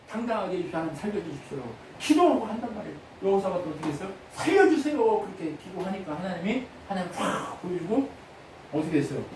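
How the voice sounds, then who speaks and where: A high-pitched man preaches in a church, peppering the congregation with questions and crying out brief pleading prayers. His voice comes from some distance off the mic. Heavy reverb fills the big room, with a faint murmur behind him. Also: darkish tone, a little hiss or hum. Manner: acts out short pleading prayers in a raised voice. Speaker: pastor. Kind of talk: sermon. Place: church sanctuary. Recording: very echoey church hall, voice from a distance.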